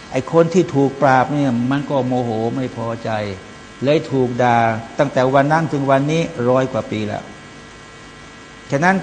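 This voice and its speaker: Thai man giving a Quran commentary. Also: a little high. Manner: chants Arabic verses between plain explanations; addresses listeners as brothers and sisters. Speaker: Islamic preacher. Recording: long hall reverb, faint mains hum.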